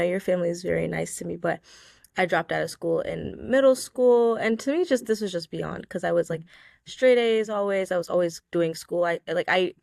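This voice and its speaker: Here a young female student from Georgia, USA, chats her way through interview questions, filling gaps with "like" and "um." She has a medium-pitched, gravelly voice, and the studio-quality recording carries no echo.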